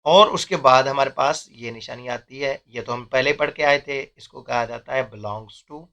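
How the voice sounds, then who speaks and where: A man's voice: mid-range voice, unhurried, bright, forceful tone, highs cut off. A young man, teaching a math lesson step by step and often checking in with "theek hai".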